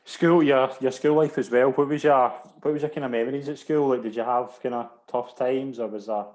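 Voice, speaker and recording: A man's voice: mid-range voice, fairly even intonation, a little fast, a little mellow, rough recording. A man hosting a podcast interview, often restarting his questions and answering with brilliant. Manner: repeats words, says "brilliant" often. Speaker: podcast host. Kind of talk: casual interview.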